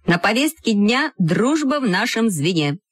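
A woman's voice: medium pitch, big pitch swings, measured pace, husky, no room sound, clean studio sound, pitched above the performer's own voice. A woman voicing a serious schoolboy who leads his classroom group with stern, formal talk.

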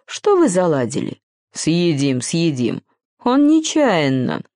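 A stately, composed male spider host, as a woman reader puts him on, talking in slow, measured phrases. His voice stays low and unhurried in a dry, close storybook reading. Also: huge pitch swings, a little mellow, no room sound, heavily acted.

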